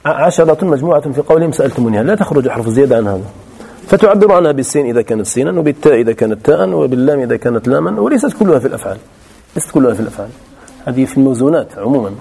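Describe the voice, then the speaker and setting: A man's voice: mid-range voice, expressive, very fast, gravelly, warm tone, breathy edge. A man teaching a grammar class who explains step by step and often repeats his key phrases. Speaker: teacher of Arabic morphology. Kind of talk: classroom lesson.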